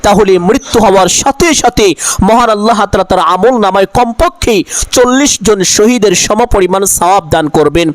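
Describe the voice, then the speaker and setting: Man, religious teacher, scripted instruction, slow drawn-out chanting, measured earnest tone. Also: high voice, no echo. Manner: chants prayer phrases slowly and drawn-out; measured, earnest preaching delivery.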